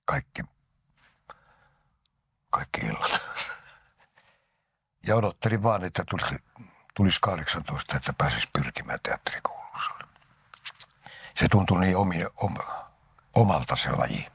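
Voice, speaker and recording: An older man from Finland, an actor giving an interview, telling anecdotes about his life and often sinking into a breathy half-whisper. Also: low-pitched, expressive, pauses often, a bit bright, no echo, studio quality. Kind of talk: reminiscing interview talk.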